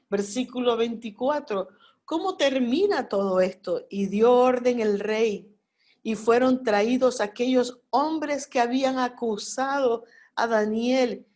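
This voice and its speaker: A woman's voice: fairly high pitch, darkish tone. A woman preaching a Bible study, reading scripture verses aloud and addressing her listeners directly with emphasis. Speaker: Bible teacher.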